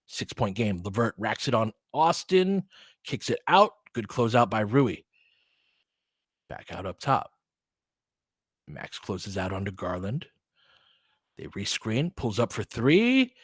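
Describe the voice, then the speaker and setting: A man with a lowish, fairly bright and slightly rough voice, recorded dry in studio quality. He's giving casual live basketball play-by-play and analysis as a partisan fan, mixing clipped phrases with chatty asides.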